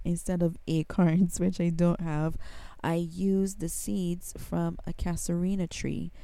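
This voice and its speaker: Barbadian woman with a gravelly, mellow voice. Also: medium pitch, no room sound. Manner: chatty, addresses viewers as guys, many ums. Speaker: spiritual vlogger. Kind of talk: casual spiritual talk.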